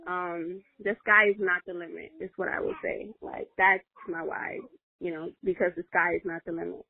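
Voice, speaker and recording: In a lowish, gravelly, slightly rough voice with little pitch movement, a young native Spanish speaker talks at a moderate pace. She's an interview guest, sincere and rambling, using many fillers. Audio is dry and tinny, as if over a phone.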